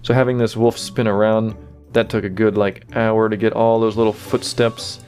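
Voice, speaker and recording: Talking at a normal speed over soft background music, a lowish-voiced man casually explains the making of his own animation. His delivery is laid-back and packed with fillers such as "you know" and "kinda."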